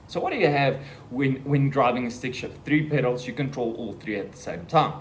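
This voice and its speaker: A South African man in his thirties telling a personal story in a casual vlog, acting out the voices and the shouting. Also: mid-range voice, animated, brisk, a little hiss or hum. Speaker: vlogger.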